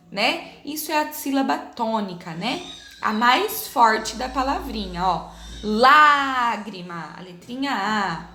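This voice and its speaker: Slow, patient Brazilian teacher woman. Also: a little high, a bit bright, roomy sound, slight background noise. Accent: Brazilian Portuguese. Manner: slow, patient, drawn-out emphasis with diminutives. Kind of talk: recorded remote class for young pupils.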